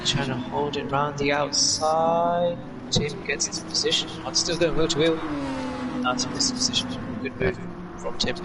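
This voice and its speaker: A man's voice: a little high, little pitch movement, moderate pace. Man, motorsport commentator, live race calls, off-mic sound, heavy car noise. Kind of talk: live sim-racing commentary. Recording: distant mic under loud car noise.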